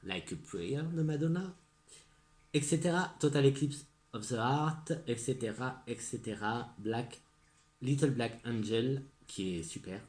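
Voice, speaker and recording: A man with a French accent talks casually to his viewers, stumbling through fillers and restarts. He turns eager when he praises things he likes, and his voice sits at an ordinary middle pitch. The room around him is echoey. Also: animated, unhurried, darkish tone. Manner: hesitant, full of fillers and restarts; enthusiastic, repeats praise. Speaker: vlogger presenting gift ideas. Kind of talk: casual chat to camera.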